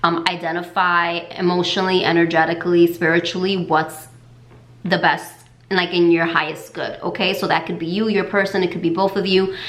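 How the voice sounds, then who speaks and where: Chatty woman tarot reader, bright tone. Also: little pitch movement, fairly quick, roomy sound. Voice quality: lower fall voice. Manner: chatty, many fillers like "like" and "um". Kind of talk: casual tarot reading.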